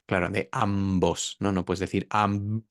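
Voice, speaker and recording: In an interview, a pronunciation teacher explains how words are pronounced, stretching them out to demonstrate the sounds. His voice is fairly low and his pace moderate. The studio sound is clean, with no room sound.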